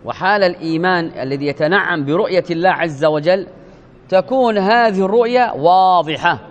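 A man giving a religious lesson, speaking deliberately, repeating words, spelling out pronunciations and asking the listeners rhetorical questions. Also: sits high, highs cut off. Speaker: religious teacher. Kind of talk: religious lesson explaining a hadith.

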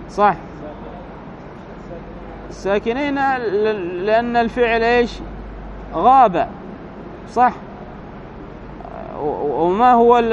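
A man's voice: high-pitched, a little hiss or hum. A man teaching Arabic grammar, explaining step by step and often checking with the listener whether it is right. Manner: slow, deliberate, keeps asking the listener "right?" to check understanding. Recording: dull lo-fi recording.

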